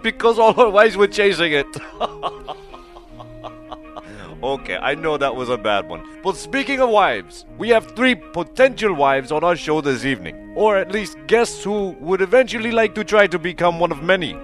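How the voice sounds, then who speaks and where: A man's voice: high voice, very animated, normal speed, fairly bright tone, faint music behind. A man playing a jokey, teasing Afghan dating-show host in a comedy sketch. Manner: jokey, teasing, chuckling showman patter.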